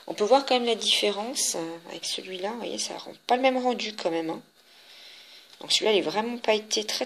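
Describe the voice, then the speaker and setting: A French-accented woman chats through her handmade cards, stopping and restarting often as she goes. Her voice is bright and forward. A faint hiss runs under the recording. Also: medium pitch. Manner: chatty, halting, many fillers and restarts. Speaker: papercraft vlogger. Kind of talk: casual show-and-tell of handmade cards.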